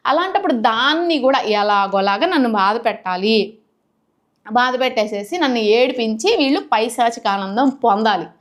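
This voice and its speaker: Middle-aged woman, high voice, cooking-channel vlogger, indignant and outspoken. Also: lively intonation, moderate pace. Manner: indignant, rising to sharp outbursts. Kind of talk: emotional talk to camera.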